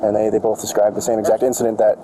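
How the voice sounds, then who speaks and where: A man's voice: on the low side, little pitch movement, racing. A male police officer questioning someone in a procedural, polite manner, recorded outdoors on a body-worn camera. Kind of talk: investigative questioning. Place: outdoors by a driveway near traffic. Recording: noisy outdoor bodycam, vehicle noise.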